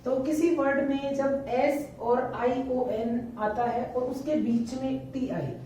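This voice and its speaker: A woman teaching English pronunciation to beginners, spelling each word letter by letter and then repeating it slowly. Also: high-pitched, steady tone, warm tone, a little hiss or hum. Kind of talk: beginner phonics lesson. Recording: echoey room, voice from a distance.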